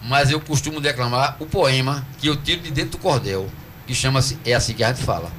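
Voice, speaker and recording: Earnest Northeastern Brazilian poet explaining. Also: male voice, medium pitch, a bit bright, a little hiss or hum. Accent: Northeastern Brazilian Portuguese. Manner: earnest, teacherly, slows to stress syllables. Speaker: cordel poet, interview guest. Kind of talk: radio interview, explaining at length. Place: radio studio.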